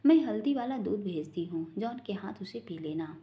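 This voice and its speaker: A woman's voice: medium pitch, expressive, moderate pace, mellow, reverberant, close to an everyday voice. A woman reading a fond, scolding old mother. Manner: affectionate, scolding. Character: loving strict older mother, fond and scolding.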